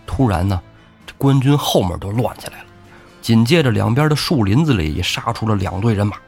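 A man telling a classic tale as the show's host, with lively, jokey asides to the listener. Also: fairly low pitch, brisk, gravelly, slightly rough, faint music behind. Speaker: storyteller host. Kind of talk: humorous storytelling of a classic novel.

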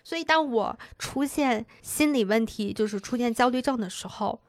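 A woman's voice: on the high side, moderate pace, dry recording, studio quality. A woman in her thirties co-hosting a casual chat, telling stories and acting out quoted lines. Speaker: podcast co-host.

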